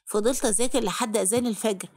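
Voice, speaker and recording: A woman's voice: on the high side, racing, a little mellow, no room sound, studio quality. A woman with an Egyptian accent telling a first-person story, emotional and pleading, voicing herself in dialogue.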